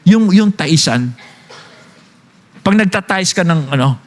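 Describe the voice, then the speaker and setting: A man with a Filipino accent preaching a sermon as pastor. He tells stories between Tagalog and English and slows down hard to stress his points. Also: sits high, animated. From Philippines. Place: church hall. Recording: long reverb of a church hall.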